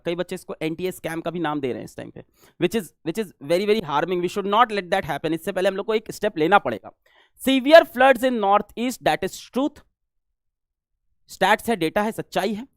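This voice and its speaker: A man from India, an online teacher, making an urgent and emphatic video appeal and reading headlines out slowly. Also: very high-pitched, clear, resonant tone, no room sound, clean studio sound.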